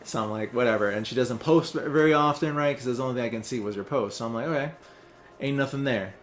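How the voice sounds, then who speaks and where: A man's voice: mid-range voice, fast. A young man hosting a let's play, chatting casually while he plays, rambling and distracted, with many fillers. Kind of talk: casual chat while playing a game.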